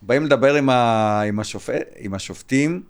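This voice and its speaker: A man who is a guest on a fan podcast, telling a lively, rambling anecdote in casual chat, full of restarts. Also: medium pitch, clear, resonant tone.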